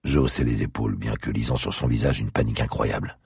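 A man narrating an audiobook in the first person, slow and brooding, his voice rising sharply when his character speaks. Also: darkish tone, no echo, studio quality. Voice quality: gravelly, husky, very deep. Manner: slow, brooding delivery, rises sharply in his spoken lines.

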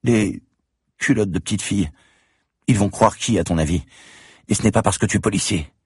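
A man's voice: normal speed, husky, dry recording, studio quality. A man voicing an eerie, manipulative little girl in an audiobook reading, pleading and threatening. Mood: menacing. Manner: pleading and threatening in a high childish voice.

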